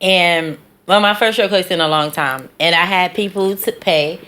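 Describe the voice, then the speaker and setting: A woman's voice: on the low side, moderate pace, fairly bright tone. A woman talking casually and colloquially, slipping into imagined quotes as she makes her point. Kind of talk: casual conversation.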